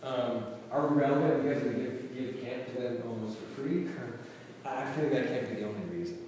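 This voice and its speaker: A man's voice: medium pitch, normal speed, a little mellow, a little hiss or hum. A middle-aged man speaking as a camp director to a gathering, hesitating with fillers and restarts. His voice sits in the middle register and carries long reverb. It sounds far from the mic in a roomy hall with faint ambience. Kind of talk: speech to an audience.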